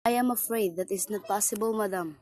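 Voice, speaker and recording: A woman's voice: medium pitch, brisk, a little mellow, no echo, clean studio sound, natural voice. A woman playing a polite, unruffled telephone operator in a radio play, formal and procedural.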